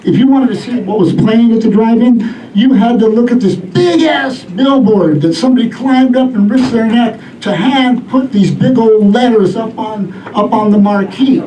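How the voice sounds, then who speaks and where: A man's voice: extremely high pitch, moderate pace, few pauses, warm tone. A middle-aged man performing a stand-up routine, telling stories in a rambling way and acting out bits. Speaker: stand-up comedian. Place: live comedy venue with audience. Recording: echoey club room, distant mic, audience laughter.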